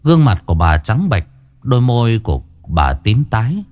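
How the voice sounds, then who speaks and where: A man narrating a horror story in a dramatic, measured way. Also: mid-range voice, very animated, a little mellow.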